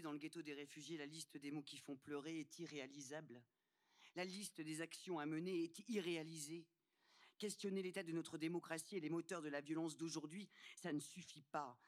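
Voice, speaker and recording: Woman declaiming rhythmic spoken-word poetry. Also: low-pitched.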